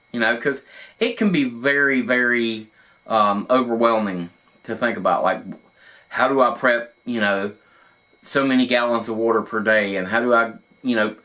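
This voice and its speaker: A man's voice: mid-range voice, a bit bright. A man hosting a video, speaking casually to the camera in an informal, folksy way, recorded in an echoey untreated room. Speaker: host of a prepping video channel. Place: indoor studio not set up for recording.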